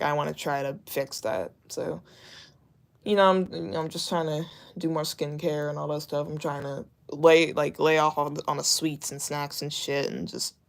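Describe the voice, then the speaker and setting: Candid streamer at mid pitch, halting speech full of fillers, gravelly fry. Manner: halting, with many fillers and restarts; earnest, candid. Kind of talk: casual livestream talk.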